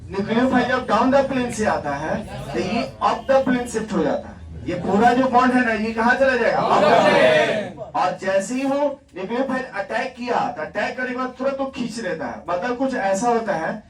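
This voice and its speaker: A man's voice: very high-pitched, lively intonation, fairly quick, a crowd in the background. A man teaching a chemistry class in Hindi, asking the students questions and answering them himself, repeating key words for emphasis. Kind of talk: classroom lecture. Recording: echoey classroom, distant mic, background noise.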